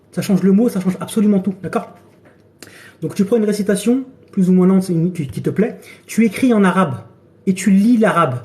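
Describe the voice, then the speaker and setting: On a phone live stream for TikTok, a male fitness and nutrition coach talks in a chatty, repetitive way, often saying "d'accord" and "frère." He sounds hoarse from a cold, with a high pitch and a darkish tone.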